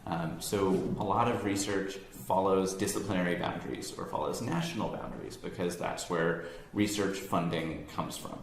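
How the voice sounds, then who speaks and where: Speaking to an audience in an echoey room with a faint hum behind him, a science organization staffer from near Boston in the United States delivers a casual, conversational presentation. His low, gravelly voice moves at a moderate pace with hardly any pauses, and he often says um and corrects himself.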